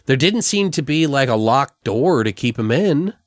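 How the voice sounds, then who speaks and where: A man's voice: mid-range voice, animated, moderate pace, no echo. Rambling casual man in a dry room. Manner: loose and rambling, swears freely. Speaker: podcast co-host. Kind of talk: casual film review chat.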